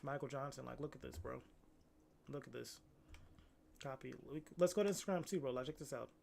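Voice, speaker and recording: A man's voice: medium pitch, brisk, vocal fry, a little mellow, slight background noise. A young man chatting casually, laid-back and slangy, often calling others "bro". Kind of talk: casual chat.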